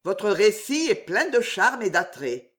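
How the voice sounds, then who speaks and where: A woman's voice: medium pitch, very animated, measured pace, pitched above the performer's own voice. A woman reading an audiobook, voicing a terse, possessive king. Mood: commanding. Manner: terse, commanding. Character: adult male king, curt and possessive.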